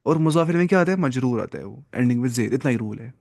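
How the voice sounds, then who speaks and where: A man's voice: medium pitch, lively intonation, fast, creaky, a little mellow, no echo. Man teaching Arabic grammar, dry sound. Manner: repeats key terms, quizzes students with questions. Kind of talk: classroom grammar lesson.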